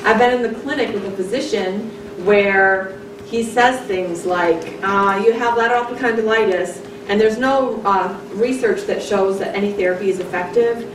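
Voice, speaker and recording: A woman's voice: mid-range voice, moderate pace. A woman giving a conversational classroom lecture, often asking the class "right?". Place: large darkened lecture room. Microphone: distant camera in the audience. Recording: echoey room, voice from far off, noisy.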